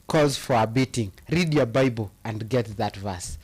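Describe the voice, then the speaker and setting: A Kenyan man co-hosts a laid-back live chat blending English and Swahili, speaking somewhat slowly in a medium-pitched, slightly mellow voice with a breathy edge. He reads viewer comments with intensity and hesitant fillers.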